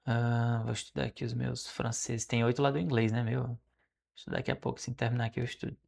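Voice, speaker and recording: A Brazilian Portuguese speaking man studying French aloud, repeating phrases slowly and correcting himself as he goes. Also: mid-range voice, level tone, vocal fry, darkish tone. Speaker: language learner streaming his study. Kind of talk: casual study vlog, thinking aloud.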